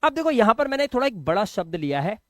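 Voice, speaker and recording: A man teaching an online lesson, explaining step by step, repeating words slowly and checking that students follow. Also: sits high, big pitch swings, no echo. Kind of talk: online lesson explaining Hindi to English spelling.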